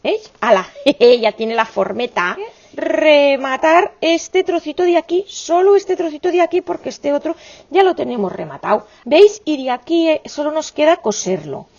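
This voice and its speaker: A woman's voice: high-pitched, animated, moderate pace, a little mellow, muffled recording. A woman, teaching a crochet tutorial in a chatty, affectionate way full of exclamations and diminutives.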